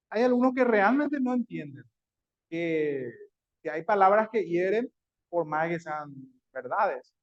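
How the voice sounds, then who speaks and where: A man teaching an online class in a conversational way, with many fillers and restarts. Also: high-pitched. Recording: dull lo-fi audio.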